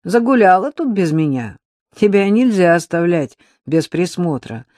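A man's voice: sits high, very animated, a little slow, a little mellow, no room sound, studio quality. A man reading the part of a cheeky young man who teases in slangy speech. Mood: teasing. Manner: teasing, colloquial.

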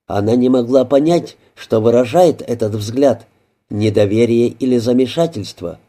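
Brief: male audiobook narrator, very dark mellow tone, mid pitch, measured scripted narration. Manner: even, measured storytelling.

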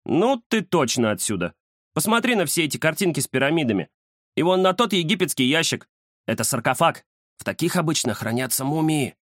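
Fussy boastful storybook tomcat, man doing the voice, high-pitched, bouncy intonation, dry sound. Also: fairly quick, dry recording. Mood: excited. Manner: excitable, fussy, know-it-all. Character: chatty boastful male house cat. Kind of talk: audiobook character voice.

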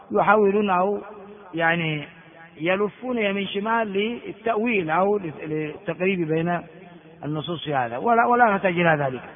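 An older man teaching as a sheikh, reading hadith texts and explaining them slowly in a lecture. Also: a little high. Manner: explains slowly, reads then comments. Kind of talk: classroom lecture commentary. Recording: tinny phone-like sound in a large reverberant hall.

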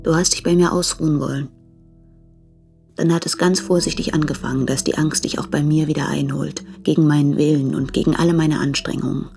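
A woman's voice: low-pitched, fairly even intonation, a little fast, creaky, warm tone, faint music behind. An actress playing a married woman in a radio play, torn between her husband and a lover, speaking earnestly and pleadingly.

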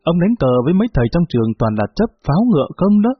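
Husky man reading a story. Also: a little high, sing-song, very fast. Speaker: narrator. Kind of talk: storytelling narration. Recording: phone-like lo-fi, faint music.

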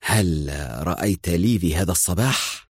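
A man's voice: deep voice, normal speed, husky, no echo, clean studio sound. A man voicing a shrewd, suspicious intelligence general who talks in a probing, stern way. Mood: cool suspicious.

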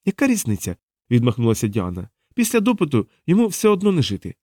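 A man's voice: a little high, sing-song, fast talker, darkish tone, dry recording, studio quality, voice pushed up. A man voicing a cold, harsh woman interrogating a prisoner in an audiobook, snapping out commands. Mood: cold questioning. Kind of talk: audiobook character voice.

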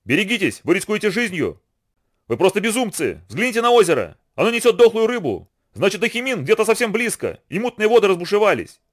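Man voicing a cool, sly old giant of a boatman, lively tune in the voice. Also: high voice, fast talker, hardly any pauses, pitched above the performer's own voice. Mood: alarmed. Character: Hunsi, hulking older male boatman, cool and sly.

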